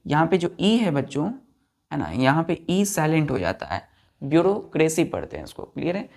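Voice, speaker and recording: A man's voice: fairly high pitch, big pitch swings, normal speed, gravelly, a little mellow. A man teaching English vocabulary for exam prep, explaining patiently, repeating key words, spelling them out letter by letter and checking that students follow.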